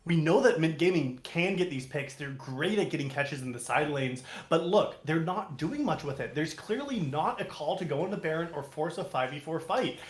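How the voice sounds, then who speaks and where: Dude breaking down esports plays, kinda high voice, roomy echo around him. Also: male voice, animated, moderate pace, hardly any pauses. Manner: analytical, critical of team decisions. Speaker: esports caster. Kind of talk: color commentary.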